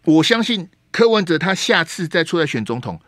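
A man's voice: on the high side, big pitch swings, moderate pace, a bit bright, no echo, studio quality. A man with a Taiwanese Mandarin accent hosting a radio show, giving emphatic political commentary full of rhetorical questions and dropping in Taiwanese Hokkien words. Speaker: radio talk show host. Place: radio studio. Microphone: studio microphone.

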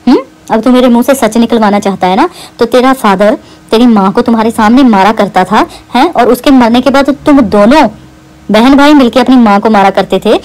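A woman's voice: on the high side, brisk, darkish tone, poor audio. A woman YouTuber, delivering a heated, mocking rant to camera against a rival and repeating her jabs.

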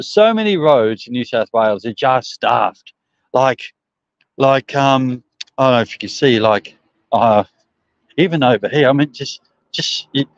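A man's voice: mid-range voice, dry recording. A middle-aged man with a broad Australian accent chatting casually on a livestream outdoors, rambling and hesitant in colloquial language. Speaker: truck driver livestreaming. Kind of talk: casual live chat answering viewer comments. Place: outdoors on a service station forecourt. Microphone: phone propped at about arm's length. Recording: dull, slightly muffled phone livestream.

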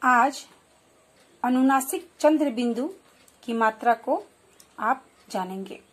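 A woman giving a slow, clear children's lesson, explaining and repeating example words. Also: on the high side. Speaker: primary school teacher.

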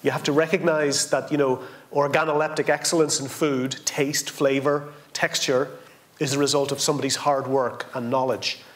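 A man's voice: mid-range voice, flat delivery, normal speed, a bit bright. An older man, making emphatic points on a conference panel and repeating words for stress. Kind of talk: panel discussion. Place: indoor conference stage.

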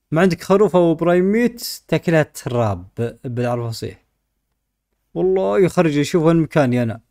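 A man's voice: fairly high pitch, a little mellow. A man with a Gulf Arabic accent giving informal gameplay commentary, often talking to himself and to the animals in the game. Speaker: gaming video host.

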